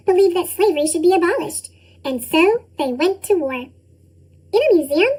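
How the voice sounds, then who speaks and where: Storybook narrator, extremely high squeaky cartoon voice, pitched up with a chipmunk effect. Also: rough recording. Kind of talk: scripted children's storybook narration.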